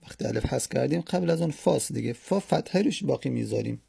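A man with a heavily gravelly, creaky voice and a dark, mellow tone talks through a grammar lesson. He is patient and repeats words slowly and stretches them out. His voice is a bit husky, and the room sounds dry and close. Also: medium pitch, animated, dry recording. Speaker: teacher. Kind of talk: explaining Arabic grammar lesson.

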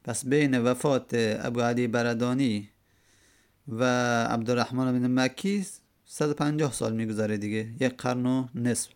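This religious teacher has a smooth, steady, mid-range voice with a darkish tone. In a classroom lecture explaining a hadith text, he walks through a quoted Arabic verse word by word and repeats key terms.

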